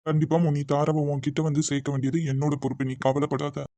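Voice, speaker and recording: A man voicing a gentle young husband and son in a family cartoon, earnest and calming. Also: fairly high pitch, fast talker, dry recording, natural voice. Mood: soothing. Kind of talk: cartoon voice acting.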